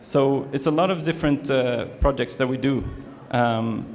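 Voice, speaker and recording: A young Swedish man gives a student presentation to an audience, hesitant and full of fillers and restarts. His medium-pitched voice is a little mellow at a moderate pace. The hall is reverberant, with faint ambience.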